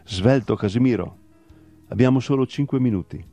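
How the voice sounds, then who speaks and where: A man's voice: mid-range voice, moderate pace, dark tone, faint music behind, natural voice. A man voicing a bossy, irritable male blackbird who acts as a stern master, speaking in an impatient, scolding way.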